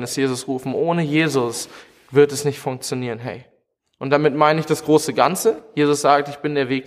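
Earnest man preaching in a reverberant hall. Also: fairly high pitch. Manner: earnest, direct address with frequent "hey". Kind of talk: sermon.

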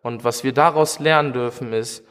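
A man preaches with earnest conviction and talks directly to each listener. His voice sits at an ordinary middle pitch. A long reverb trails behind his words, as in a large hall. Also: moderate pace, a bit bright, smooth. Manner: earnest, direct address with frequent "hey". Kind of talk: sermon.

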